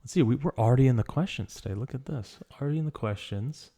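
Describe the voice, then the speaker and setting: A man's voice: mid-range voice, fast, mellow, a little hiss or hum. A man hosting a casual solo podcast from a small room, rambling with stammered restarts and fillers. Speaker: podcast host. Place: small hot room indoors.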